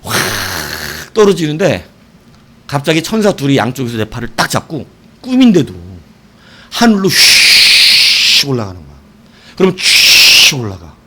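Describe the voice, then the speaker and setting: A middle-aged male pastor preaching an evening sermon, telling stories with animated shouts and asking his congregation questions. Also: a little high.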